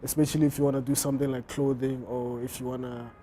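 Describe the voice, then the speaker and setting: A man's voice: medium pitch, level tone, fast, mellow, a little hiss or hum. A man answering interview questions about his fashion brand, hesitant and full of fillers. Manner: hesitant, many fillers and restarts. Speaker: fashion designer, interview guest.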